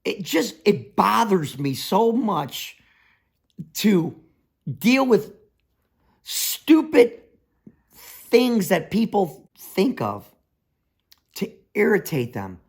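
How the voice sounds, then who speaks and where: A man's voice: sits high, big pitch swings, slow, creaky, pauses often, slightly rough. A man who works as a foundation contractor, telling a story in a reality-show confessional as an exasperated ranter who acts out other people's voices.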